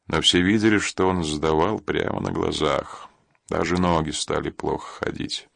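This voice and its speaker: Deep, gravelly male audiobook narrator. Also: steady tone, moderate pace, fairly bright tone, no room sound, studio quality. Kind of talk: scripted narration.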